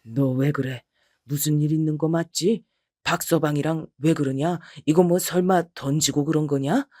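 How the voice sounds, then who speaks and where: A woman's voice: sits low, fairly even intonation, normal speed, darkish tone, dry recording, clean studio sound, voice pushed down. A woman voicing an elderly father who scolds and then soothes his daughter in a story reading. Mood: stern. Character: elderly father, gruff but caring.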